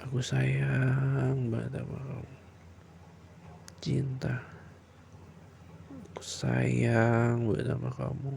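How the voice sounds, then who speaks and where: Gravelly, slow-talking man murmuring softly. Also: medium pitch, monotone, a little hiss or hum. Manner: soft, slow, soothing bedtime talk. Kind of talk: boyfriend roleplay ASMR.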